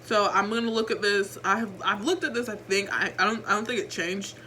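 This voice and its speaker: Chatty teenage girl with a bright voice. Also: mid-range voice, brisk, a little hiss or hum. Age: teens. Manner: rambling, chatty, self-mocking. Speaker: vlogger. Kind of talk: casual chat. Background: faint background music.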